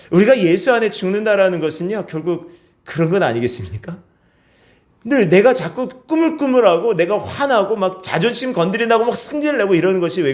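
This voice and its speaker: Male pastor, fairly high-pitched, preaching in church, keeps prompting the congregation with questions. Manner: asks the congregation questions and calls for amens. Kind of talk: sermon. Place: church sanctuary.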